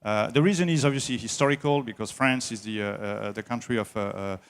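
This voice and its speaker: A man leading an engineering services company fields interview questions at a trade show. He speaks on the low side, slowly and haltingly, with frequent filler sounds.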